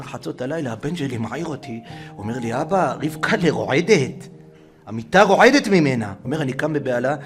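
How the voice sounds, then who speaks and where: A man telling a dramatic story, acting out the quoted speech, dropping to whispers and then rising loud. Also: fairly high pitch. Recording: guitar music under the voice.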